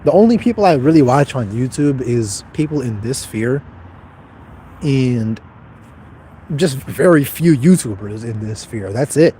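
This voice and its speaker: A man's voice: mid-range voice, lively intonation, unhurried, warm tone, a little hiss or hum. A man in his twenties livestreaming, reading chat questions aloud and answering them in a blunt, profane, detached way. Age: 20s.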